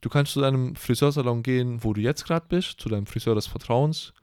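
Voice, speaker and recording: A young man talks in a loose, rambling way, full of slang and crude jokes. His voice sits at an everyday middle pitch. The recording is dry and close. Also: fairly quick, darkish tone, clear, resonant tone, no echo. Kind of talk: casual slangy chat.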